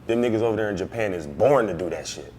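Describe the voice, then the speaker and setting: A man's voice: lowish voice, lively intonation, quick pace, dark tone, slight background noise. A man hosting a casual heated debate, blunt, profane and insistent. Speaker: podcast host.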